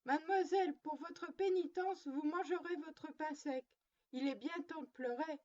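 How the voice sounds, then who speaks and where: A woman's voice: high voice, moderate pace, darkish tone, dull audio, natural voice. A woman reading a storybook, voicing a little girl who sternly plays mother to her doll, prim and lecturing. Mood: scolding.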